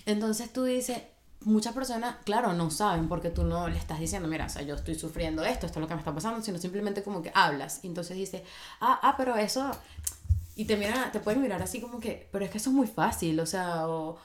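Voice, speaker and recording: A woman's voice: fairly low pitch, a little fast. A young woman, co-hosting a casual chat and speaking candidly while acting out the voices she quotes.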